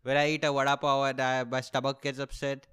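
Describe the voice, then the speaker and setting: A young man with an Indian accent hosts a solo comedy podcast, rambling casually in a complaining, sweary, self-deprecating way and repeating and rephrasing himself. His medium-pitched voice is clear, resonant and a bit bright, delivered flatly and a little fast.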